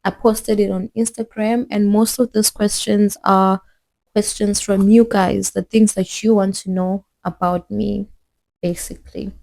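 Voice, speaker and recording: A young woman from Zimbabwe chats to her phone camera in a loose, rambling vlog style. Her voice is mellow and warm, and she keeps circling back with fillers and restarts. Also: mid-range voice, level tone, unhurried, creaky. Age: young adult. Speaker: vlogger. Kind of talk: casual chat.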